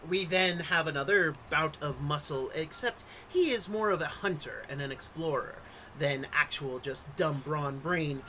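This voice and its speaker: A man's voice: a little high, measured pace, hardly any pauses, pushed and bright, slight background noise, low-quality recording. A man hosting as game master, introducing and narrating a tabletop game like a theatrical storyteller.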